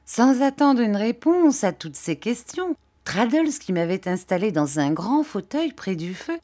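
A woman narrating a classic novel as an audiobook reader, in a measured, steady storytelling manner. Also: mid-range voice. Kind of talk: scripted literary narration.

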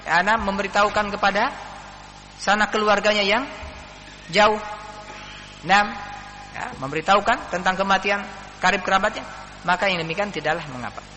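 High, bright-voiced man teaching in a hall. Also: fairly even intonation. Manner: reads Arabic text slowly, then explains with frequent "nah" and "ya". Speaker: religious teacher. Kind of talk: Islamic study lecture explaining a text. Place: mosque or study hall. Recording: roomy, echoing hall with faint hum.

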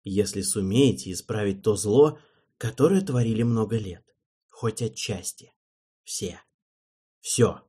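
A man reading an audiobook, voicing a young, bewildered king who speaks hesitantly and softly. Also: on the low side, expressive, a little slow, long pauses, slightly rough. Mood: solemn. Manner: hesitant and soft.

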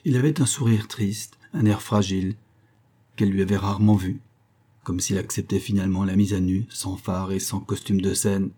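A male narrator reads a novel aloud in a measured, even way. His voice is low and dark, with a husky grain. The pacing stays steady throughout. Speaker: audiobook narrator. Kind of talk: scripted literary narration.

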